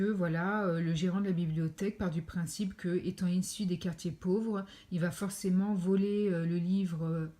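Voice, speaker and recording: A woman's voice: fairly low pitch, warm tone. A woman reviewing books in a casual vlog, chatty and full of fillers as she shows pages to the camera. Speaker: book reviewer.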